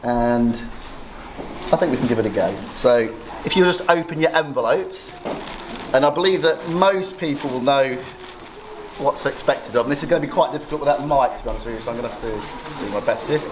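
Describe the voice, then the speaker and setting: A man's voice: medium pitch, a little fast. A middle-aged man giving an informal, joking wedding speech as father of the bride, with a dry, self-deprecating, sometimes sweary delivery. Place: busy indoor wedding reception. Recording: noisy crowded room, loud ambience. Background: chattering, laughing guests.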